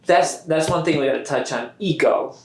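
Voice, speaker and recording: A man's voice: on the high side, normal speed. A man talking as a guest on a casual podcast, emphatic and repeating key words, often laughing. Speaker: podcast guest, business owner. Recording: roomy echoey room.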